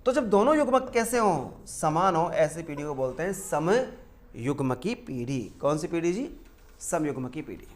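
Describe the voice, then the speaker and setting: This is a man teaching a lesson in speech, his voice sitting slightly high. His pitch swings widely as he asks questions and answers them himself. He slows down to repeat each key term. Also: very animated. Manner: repeats key terms slowly, stretching words. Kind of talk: classroom lecture.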